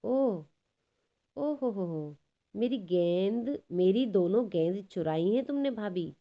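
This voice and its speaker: A woman's voice: mid-range voice, animated, slow, dull audio. A woman voicing a playful, mischievous young cowherd boy who teases in a sweet, coaxing way.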